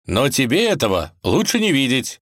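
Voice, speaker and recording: A man voicing a lovesick, excitable young man in a storybook reading, speaking high and frantic. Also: moderate pace, no echo, clean studio sound. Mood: eager.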